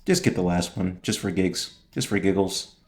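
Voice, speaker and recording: A young man giving casual, slangy gameplay commentary, joking and reacting out loud as he plays. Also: low voice, moderate pace. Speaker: gaming streamer.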